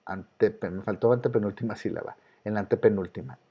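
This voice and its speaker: A man's voice: on the low side, a little fast, creaky, warm tone, breathy edge, dull audio. A man with a Mexican Spanish accent teaching an online class, patiently explaining step by step and asking his students questions. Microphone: video call.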